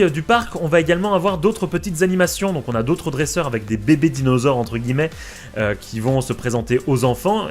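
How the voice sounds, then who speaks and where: Chatty man narrating a park vlog. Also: a little high. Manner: chatty, many fillers and asides. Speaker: vlogger touring a theme park. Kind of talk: casual vlog voice-over.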